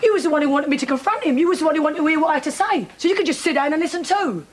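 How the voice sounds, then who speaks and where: A woman's voice: on the high side, lively intonation, a little fast, slight background noise, natural voice, rough recording. Woman playing a scornful woman, fed up. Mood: angry. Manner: sharp, cutting and sarcastic. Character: furious fed-up woman confronting an unwanted man. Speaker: soap opera character. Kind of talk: broadcast TV drama acting.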